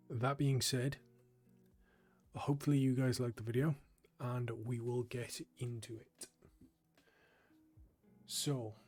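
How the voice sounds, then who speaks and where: A young man commentating over his own gameplay footage in a relaxed, explanatory tone, sounding a little tired. His pitch is mid-range for a man. Faint game music plays behind him. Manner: relaxed, explanatory, frequent ums. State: tired, yawning. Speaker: gaming channel host. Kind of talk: casual gameplay guide commentary.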